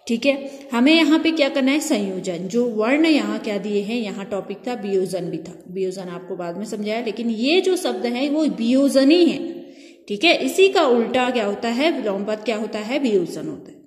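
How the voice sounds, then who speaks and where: A woman's voice: fairly high pitch, animated, moderate pace. A woman teaching a grammar lesson who asks her own questions and answers them, spelling out sounds one by one. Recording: echoey room with long reverb.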